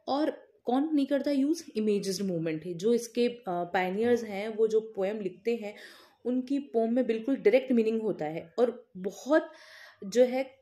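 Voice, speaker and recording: A woman teacher with a warm, fairly high voice gives an exam-focused literature lecture, explaining in Hindi with many English terms and filler pauses. She repeats key points and asks questions that she then answers herself.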